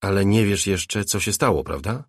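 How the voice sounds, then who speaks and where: A man's voice: deep voice, lively intonation, moderate pace, slightly rough, no room sound, studio quality. A man voicing a strange, insistent male obsessive in an audiobook, earnest and cryptic. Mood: intense earnest.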